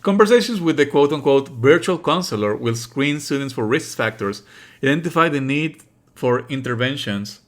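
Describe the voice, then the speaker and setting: In live let's play commentary on a visual novel, this male streamer alternates between reading on-screen text aloud and ranting. His mid-pitched voice moves at a moderate pace, sardonic and exasperated, full of animated outbursts and free swearing.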